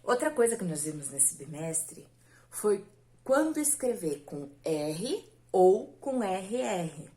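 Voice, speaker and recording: Slow, patient woman teacher. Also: mid-range voice, very animated, warm tone. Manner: slow, patient, stretches words syllable by syllable. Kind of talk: recorded lesson for children.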